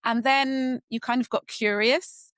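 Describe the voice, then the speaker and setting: A woman's voice: on the high side, steady tone, unhurried, clean tone, no room sound. A woman hosting a podcast interview, rambling a little with many fillers. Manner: warm, rambling, frequent fillers. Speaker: podcast host.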